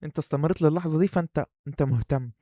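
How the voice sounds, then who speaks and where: Young Egyptian man, fast and joking. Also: on the high side, dark tone, no echo, studio quality. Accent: Egyptian Arabic. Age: young adult. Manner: joking, playful, talks straight to the viewer. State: muffled, breathing hard through a face mask. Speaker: YouTuber. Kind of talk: casual vlog talk to camera.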